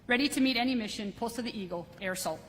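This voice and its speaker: A woman's voice: a little high, very fast, fairly bright tone. A woman delivering a prepared, formal podium speech as a military leader welcoming people at a ceremony. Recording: reverberant hall, faint background noise.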